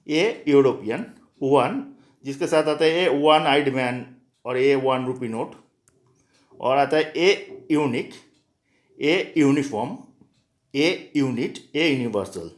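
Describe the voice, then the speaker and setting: A male teacher explains grammar rules for exam students, repeating example words one by one. His voice sits a little high. He speaks slowly and patiently.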